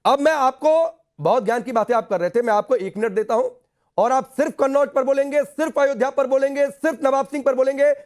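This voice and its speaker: Man, TV news anchor, heated debate, insistent, challenging, very high voice, rapid delivery. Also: steady tone. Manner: insistent, challenging, cuts in repeatedly.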